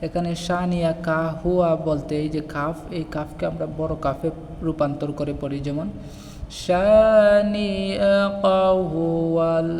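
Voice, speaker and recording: A man teaching Quran recitation, explaining pronunciation and slowly chanting the verses in a drawn-out melodic style. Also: a little high, flat delivery, darkish tone, slight background noise. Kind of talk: explaining recitation mistakes in Bengali. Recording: long reverb and faint music.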